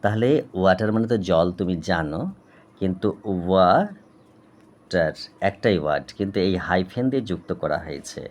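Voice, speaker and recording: A man's voice: sits low, expressive, moderate pace, darkish tone. A man tutor with a Bengali accent dictates an English reading word by word, names each punctuation mark aloud, and explains terms in Bengali. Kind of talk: slow dictation lesson.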